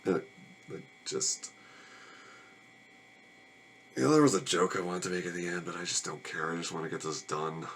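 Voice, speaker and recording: A man's voice: low-pitched, moderate pace, long pauses, fairly bright tone, slight background noise. A man casually reviewing a movie, rambling in a weary, sarcastic and annoyed way.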